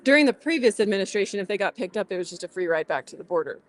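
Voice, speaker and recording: A woman's voice: mid-range voice, expressive, very fast. A woman explaining things plainly as a guest in a casual interview. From southwestern New Mexico, USA. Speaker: rancher and podcast guest.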